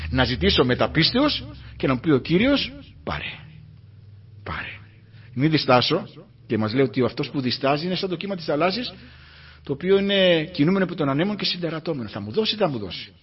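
A man preaching a fervent sermon, breaking into hallelujahs and rising from quiet murmurs to loud emphatic peaks. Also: lively intonation. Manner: fervent, exclaims hallelujah between points; rises from low murmurs to loud emphatic climaxes. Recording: muffled lo-fi recording.

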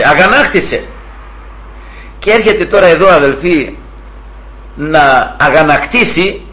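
A man preaching a sermon, telling a story with lively rises and quiet asides to his brothers. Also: a little high. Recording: dull lo-fi recording.

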